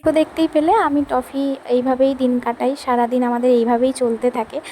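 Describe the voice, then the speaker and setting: Chatty high-voiced woman filming her chores. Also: flat delivery, normal speed, dark tone, a little hiss or hum, rough recording. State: pregnant, sweaty from housework. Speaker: vlogger. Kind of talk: casual home vlog chat. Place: home, rooms and kitchen.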